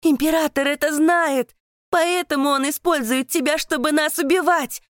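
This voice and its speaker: A woman voicing a desperate female monster who was once a girl, shouting in frantic pleas. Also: sits high, steady tone, moderate pace, no echo, clean studio sound, voice pushed up, natural voice. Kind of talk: audiobook character voice.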